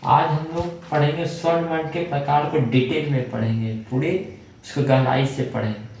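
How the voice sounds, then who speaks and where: A young male teacher explains a grammar lesson. His voice is a little high and mellow. He sounds far from the mic in a very echoey room, with a faint hiss behind him. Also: fairly even intonation, normal speed. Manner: asks questions and answers them himself, repeats key terms.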